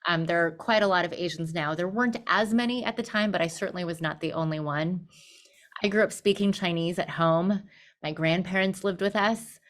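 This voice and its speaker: Speaking a little fast in a fairly low voice, this interview guest, a middle-aged law firm managing partner from Southern California, recounts her own life. She is frank and sprinkles in gentle humor.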